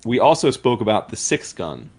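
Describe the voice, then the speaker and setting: A man's voice: fairly low pitch, sing-song, normal speed, gravelly, a little mellow, husky. A man co-hosting a comics podcast, rambling and restarting his sentences in casual chat, with the odd swear. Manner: rambling, self-interrupting, swears. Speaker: podcast co-host.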